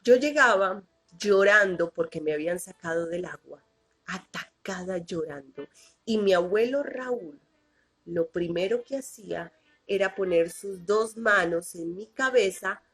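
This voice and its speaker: A woman telling a children's story in an expressive, animated way, stretching out repeated words. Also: fairly low pitch, breathy edge. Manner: expressive, animated, drawn-out repetitions.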